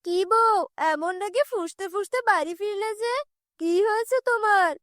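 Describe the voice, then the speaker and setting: A gentle village husband in a cartoon who comforts his wife with soothing concern as a woman voices him. The voice is high and kindly. The recording is dry and close. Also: moderate pace, no room sound.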